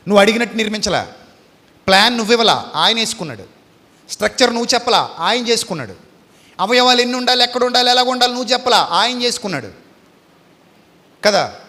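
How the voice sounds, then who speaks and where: Male preacher, high bright voice, emphatic and repetitive, long hall reverb on the recording. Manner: fires rhetorical questions at the audience. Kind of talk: Easter sermon.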